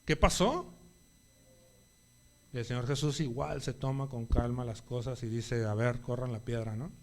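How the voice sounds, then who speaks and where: A man's voice: medium pitch, normal speed, darkish tone. A man preaching a Sunday sermon in a conversational way, often checking in with the congregation and rising in volume at emphatic points.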